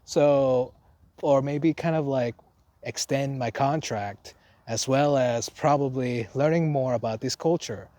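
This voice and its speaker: A young Indonesian man, a vlogger working as a foreign teacher, talks with an Indonesian accent about his life abroad. His unscripted, casual talk rambles with restarts and fillers. His mid-range, mellow voice is a little slow and recorded dry.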